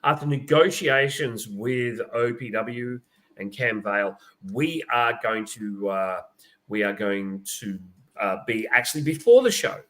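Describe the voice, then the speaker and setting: A man with an Australian accent gives updates about an event party in casual podcast chat. He talks haltingly, stopping often to fill pauses, in an average-pitched voice. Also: expressive, a bit bright. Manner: halting, with many uh fillers.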